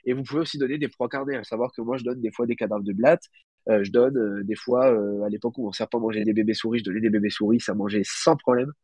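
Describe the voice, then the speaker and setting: A guest isopod breeder with a mid-range, dry, slightly mellow voice gives a casual livestream explanation at a fast, steady clip. Slightly congested from a cold, he hesitates, uses many fillers and searches for words, with no room sound.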